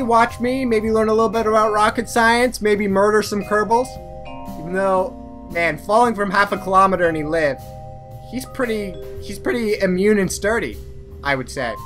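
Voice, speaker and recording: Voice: medium pitch, fairly bright tone. Rambling let's play commentator. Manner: rambling and self-mocking, trailing off into mumbles. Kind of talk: casual game commentary.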